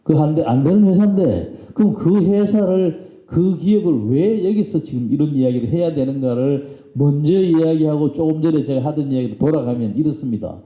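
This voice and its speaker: A man's voice: fairly high pitch, brisk, few pauses. A man giving a public lecture as a visiting author, telling anecdotes in a folksy way and acting out quoted lines. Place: lecture hall. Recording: roomy hall, dull lo-fi sound.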